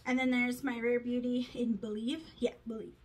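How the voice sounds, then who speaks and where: A woman's voice: on the high side, little pitch movement, moderate pace, a little hiss or hum. Chatty woman rambling through her makeup. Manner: rambling, self-deprecating, talks to herself. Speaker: beauty vlogger. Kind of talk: casual makeup tutorial chat.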